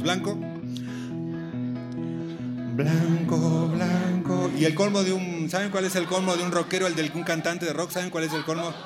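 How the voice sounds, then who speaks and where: A man performing a live children's show, leading the audience in a singalong and telling riddle jokes, laughing along as he goes. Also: on the high side. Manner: playful, leads call-and-response, laughs at own jokes. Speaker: children's singer. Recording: live concert recording with loud guitar music.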